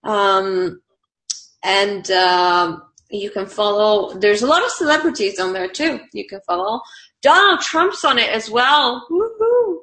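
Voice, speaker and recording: A woman from Bulgaria speaks at medium pitch, animated yet unhurried, her voice a bit bright. Working as an online community manager, she chats in a casual interview with a Bulgarian accent, bubbly and laughing often between fillers.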